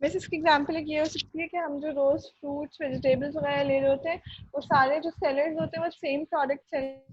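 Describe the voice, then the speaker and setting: A young woman, a student giving a class presentation, heard over an internet video call. She talks haltingly, restarting often with fillers. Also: high voice, fairly even intonation, no room sound. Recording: lo-fi call audio.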